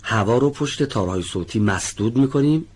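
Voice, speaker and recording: A man's voice: medium pitch, animated, darkish tone, slightly rough. A man teaching pronunciation in a studio lesson, patiently explaining sounds and calling on students one by one.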